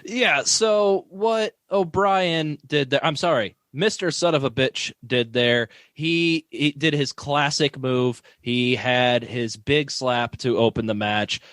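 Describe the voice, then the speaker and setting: A man's voice: medium pitch, takes it slowly, few pauses, a bit bright, dry recording, clean studio sound. A man doing crude, wisecracking color commentary in a mock sports broadcast.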